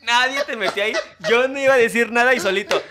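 A man's voice: very high voice, fast, background noise. A young man from Mexico with a Mexican accent, co-hosting a podcast in casual chat, teasing and laughing a lot. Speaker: podcast co-host.

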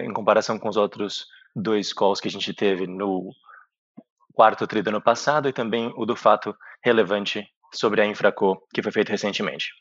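A Brazilian man interpreting a business presentation live, with halting phrasing. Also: fairly low pitch, a bit bright. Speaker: simultaneous interpreter for an executive. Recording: dull, echoey conference call audio.

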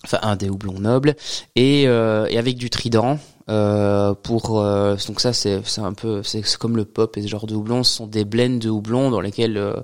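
A man's voice: lowish voice, steady tone, normal speed, a little mellow. A man, a brewery guest on a podcast, explaining at length in casual talk, with many fillers and phrases ending in "quoi". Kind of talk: casual interview chat.

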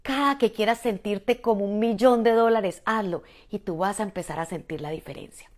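Energetic woman giving a motivational talk. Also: medium pitch, moderate pace. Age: adult, mother. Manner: energetic, emphatic, addresses listener directly. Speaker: motivational speaker.

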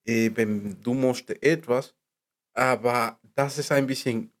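A man from the Republic, chatting casually in halting, broken German and laughing often. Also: medium pitch. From Dominican Republic. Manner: non-native German, halting broken grammar; laughs often, rises when animated. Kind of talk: casual chat.

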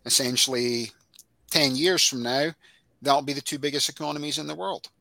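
A man co-hosting a casual chat, making his points emphatically as he builds them up in quick lists. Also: mid-range voice, gravelly, sharp tone, dry recording. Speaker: podcast co-host.

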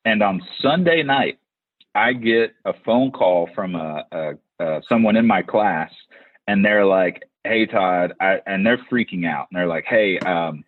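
A man with a low, husky voice hosts a casual podcast chat. He tells stories animatedly, often restarting his sentences and putting on the voices of people he quotes. The audio is thin and phone-like, and dry, with no room sound. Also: animated, measured pace, no echo. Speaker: podcast host.

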